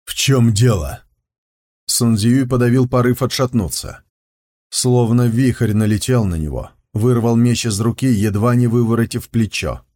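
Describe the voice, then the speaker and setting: A man reading an audiobook with steady, measured scripted narration. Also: mid-range voice.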